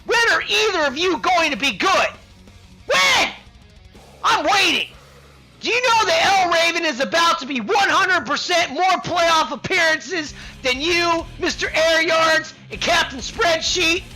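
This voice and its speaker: A man hosting a fantasy football league podcast, delivering a profane roast rant and shouting crude insults with frequent laughter. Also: extremely high pitch, lively intonation, moderate pace, hardly any pauses, music in the background, poor audio.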